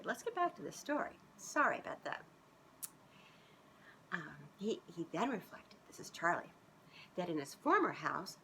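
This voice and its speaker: A woman in her fifties with a voice on the low side reads a children's story aloud on a living room sofa, expressive and relaxed, repeatedly pausing for chatty remarks to the little ones. A camera set a short distance away makes a rough recording with some hiss or hum.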